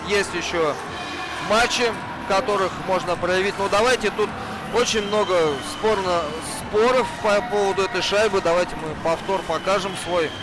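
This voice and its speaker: A man's voice: sits high, normal speed. A man giving conversational live analysis as a hockey co-commentator. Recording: loud ambient noise behind the voice.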